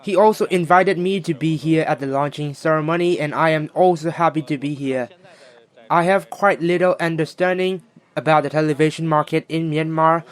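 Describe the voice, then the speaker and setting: A man giving formal, prepared remarks as an invited guest in a news report. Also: fairly high pitch.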